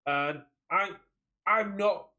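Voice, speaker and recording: Chatting casually on a podcast about a card game community, this British co-host rambles and keeps repeating phrases. His high-pitched voice is pushed and bright and extremely slow. The recording quality is low.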